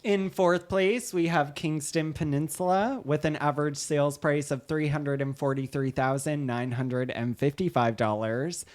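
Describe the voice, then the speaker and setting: A woman co-hosting a podcast, counting down figures in a slow, deliberate way. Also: low-pitched, fairly even intonation, darkish tone. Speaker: podcast co-host. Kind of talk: reading market figures in a podcast.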